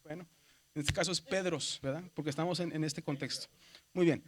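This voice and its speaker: The voice is a man's, a little high, steady, fairly quick and fairly bright, carrying a Mexican Spanish accent. He is a Mexican seminary instructor giving a lecture, explaining methodically, asking "¿verdad?" often, and calling his students brothers, "hermanos."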